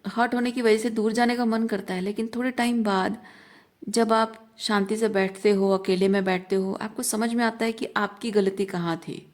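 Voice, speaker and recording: A woman's voice: mid-range voice, darkish tone. A woman reading tarot cards for the viewer, earnest and repetitive, mixing English words into her Hindi. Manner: earnest, repeats phrases for emphasis, mixes English words into Hindi. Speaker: tarot reader.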